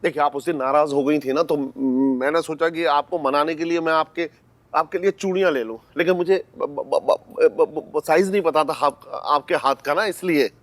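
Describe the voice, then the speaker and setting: An actor doing a middle-aged man caught out and scrambling for excuses. His voice sits fairly high, and he stammers and protests in a fussy, defensive sitcom style. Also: brisk, a bit bright, close to an everyday voice. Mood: flustered. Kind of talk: TV sitcom acting.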